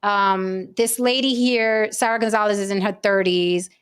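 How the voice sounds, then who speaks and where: A woman in her late forties hosting a casual panel talk show, telling stories in a chatty, animated way with many asides. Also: medium pitch, a little slow, clear, resonant tone. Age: 40s.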